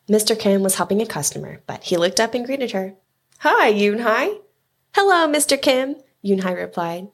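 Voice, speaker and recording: A woman reading a children's picture book aloud at story time in a clear, measured way. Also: on the low side.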